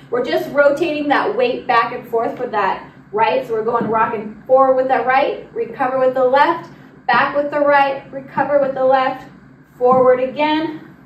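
In a big indoor studio with wooden floors, a young woman gives directive line dance instructions, counting each move while she demonstrates it. Her high voice has its highs cut off, and the distant mic picks up room echo and noise.

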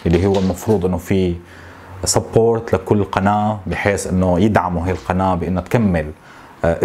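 A man in his thirties with a Syrian Arabic accent, venting to camera in a frustrated, complaining way, with halting repetitions. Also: low voice, a little mellow, a little hiss or hum. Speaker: tech YouTuber. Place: small home office, indoors.

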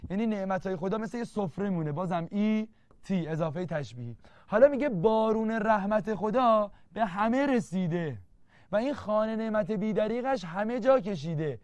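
A man's voice: high voice, dry recording. A man teaching an exam-prep literature lesson, playful and teasing, repeating key terms again and again to drill them. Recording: dull lo-fi dry sound.

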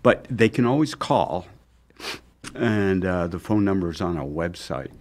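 A man's voice: sits low, animated, a little hiss or hum. An older man, a chef guest in a TV studio, talking at a desk mic with lots of fillers and restarts. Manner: halting, many fillers and restarts. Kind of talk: casual studio interview. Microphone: desk microphone on stand.

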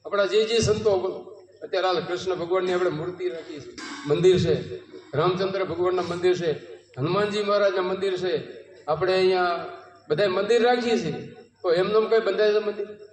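Man, Gujarati accent, devotional sermon, high voice, distant mic, long reverb. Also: brisk. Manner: storytelling, rhetorical questions, quoting devotional verses. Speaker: satsang preacher. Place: home courtyard gathering.

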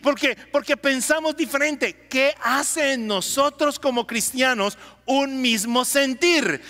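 A man's voice: very high voice, bright, forceful tone. A man preaching a sermon as pastor, calling on the congregation to repeat lines after him. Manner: preaching with call-and-response to the congregation. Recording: long hall reverb.

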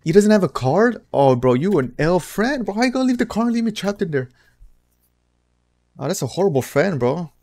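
A man hosting a reaction video, giving casual commentary in an animated, slangy, ranting way. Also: high voice, fairly quick.

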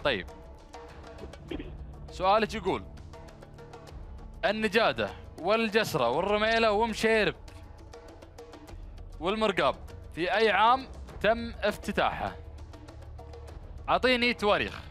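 A man's voice: high-pitched, big pitch swings, normal speed, pauses often, a bit bright, soft background music. A man with a Gulf Arabic accent hosting a TV phone-in quiz, bantering with callers and encouraging them with blessings. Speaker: game show host. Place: small studio set dressed as instrument shop. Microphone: headset microphone.

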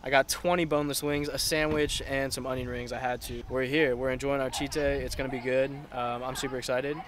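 Casting: young male fitness vlogger, slangy and relaxed, mid-range voice, phone-camera talk. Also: medium pitch, brisk, slight background noise. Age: 20s. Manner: laid-back and slangy, upbeat. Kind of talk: casual vlog talk to camera. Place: car, restaurant and home kitchen.

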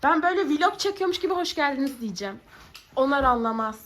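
A woman's voice: high-pitched, expressive, quick pace, a bit bright, slight background noise. A young woman vlogging in a hotel room, chatting and laughing with friends. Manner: laughing, teasing banter among friends. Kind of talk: casual chat.

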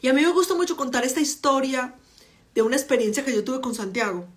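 A woman's voice: high-pitched, lively intonation, fast talker. A middle-aged woman with a Colombian accent gives a motivational talk, animatedly telling stories and acting out the voices in her quotes. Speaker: personal growth speaker. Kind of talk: motivational talk with personal anecdotes.

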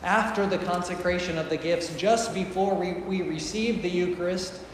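A man preaching a sermon to a congregation, earnest and emphatic, slowing down to stress key phrases. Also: high voice, slight background noise. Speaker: priest. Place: large church with painted walls, congregation present. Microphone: far camera at the back of the church. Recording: very echoey church hall with faint ambience.

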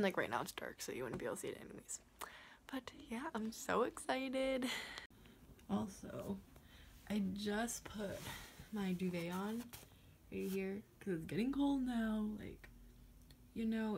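In a casual vlog filmed on a phone camera at arm's length, a young adult woman from Canada talks from her small bedroom, often saying "like" and "yeah." Her voice is lowish and creaky. The recording has a faint hiss or hum.

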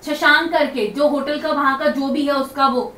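A woman playing a wife in a prank skit, accusing her husband in a heated domestic argument, insistent and rapid-fire. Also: sits high, steady tone, sharp tone, recorded from a distance, slight background noise. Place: room in a home. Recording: echoey room, away from the mic.

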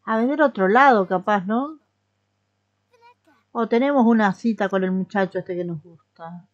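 This gaming streamer, a young Rioplatense Spanish-accented woman, gives casual commentary on a life simulation game and addresses its characters. She speaks at a moderate pace and medium pitch, with the highs cut off.

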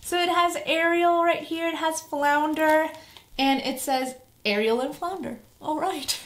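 Excited, gushing high-voiced woman vlogger. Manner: excited, gushing fan, drawn-out emphasis and delighted exclamations. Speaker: vlog host. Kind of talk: casual unboxing chat to viewers. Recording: echoey room, some background noise.

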